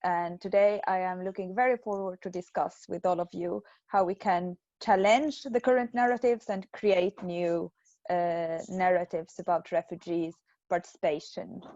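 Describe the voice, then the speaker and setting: A woman's voice: fairly low pitch, fairly even intonation, moderate pace, darkish tone, no room sound. Woman cofounder, hesitant intro with lots of uhs and restarts, dull dry call audio. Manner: hesitant, restarts often with uh fillers. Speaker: co-founder of a youth organization. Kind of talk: panel introduction. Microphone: video call.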